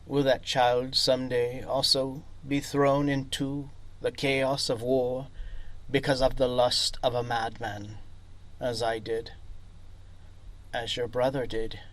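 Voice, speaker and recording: A weary former soldier recounts the war with quiet regret, as a man reading the story speaks for him. He talks slowly and gravely, weighing each phrase. The tone stays low and measured throughout. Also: little pitch movement, close to an everyday voice, poor audio.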